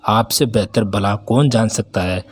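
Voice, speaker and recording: A man's voice: on the low side, measured pace, slightly rough. A man voicing a young pregnant daughter-in-law who speaks politely with pointed sarcasm in a storybook.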